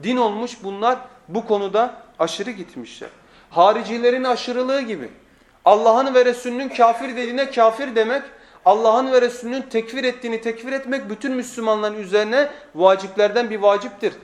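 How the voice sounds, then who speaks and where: A man's voice: very high-pitched, fairly even intonation, fairly quick. A man preaching a weekly sermon lesson at a pulpit microphone, emphatic, repeating phrases and putting rhetorical questions to his listeners.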